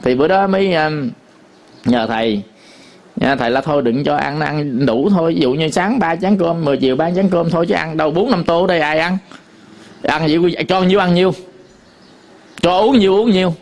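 A man's voice: on the high side, brisk. A man with a Southern Vietnamese accent, a Buddhist monk giving a dharma talk to an audience, telling stories with many fillers and repetitions.

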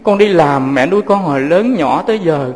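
A man's voice: fairly high pitch, expressive, moderate pace, darkish tone, long reverb tail, lightly acted. A man voicing a grieving grown daughter who sobs with remorse at her mother's altar. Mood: remorseful. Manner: sobbing, remorseful.

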